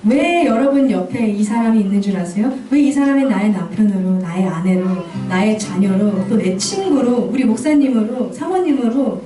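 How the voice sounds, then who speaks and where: A woman's voice: mid-range voice, expressive, normal speed, hardly any pauses, dark tone. Earnest woman preaching in echoey church. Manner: earnest, storytelling. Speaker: guest worship minister. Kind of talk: testimony sermon. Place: church sanctuary. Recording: echoey hall, distant mic, faint music.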